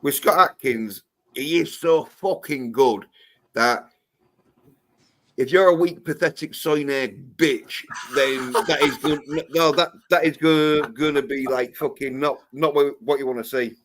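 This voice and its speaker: A man's voice: mid-range voice, measured pace, a bit bright. A man in casual chat, rambling and swearing with heavy emphasis.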